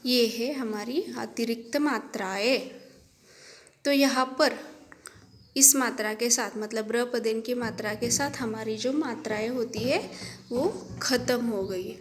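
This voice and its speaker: A woman's voice: fairly high pitch, unhurried, slight background noise. A woman teacher giving a children's lesson, patient and repetitive, checking in with the class often. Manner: patient, repeats each point, checks in with "ok".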